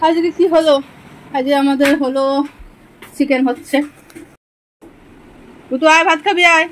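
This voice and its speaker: A woman's voice: high voice, fairly even intonation, measured pace, a little hiss or hum, poor audio. A woman at home, coaxing and scolding her pets in baby talk. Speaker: pet owner vlogger.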